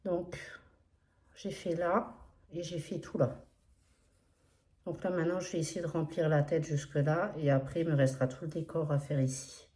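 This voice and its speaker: This is a casual flosstube progress update in which a woman with a non-standard French accent walks through her cross-stitch projects, chatty, hesitant, apologetic and heavy on fillers. Her low, warm voice keeps a fairly even intonation at a moderate pace, broken by long pauses.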